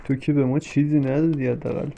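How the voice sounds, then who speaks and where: A young man giving comic commentary while he plays a game. He talks to the characters on screen and jumps from mock soothing to sudden shouting. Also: mid-range voice, steady tone, vocal fry, heavy background noise. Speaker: gameplay commentator. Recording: game music under the voice. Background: game music.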